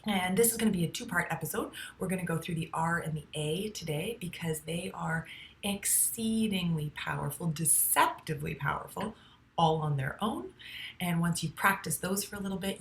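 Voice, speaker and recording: A woman's voice: low-pitched, normal speed, creaky, reverberant, a little hiss or hum. A woman psychotherapist hosting a show, explaining things in a casual, teaching way and sometimes using playful sound effects. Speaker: psychotherapist and podcast host.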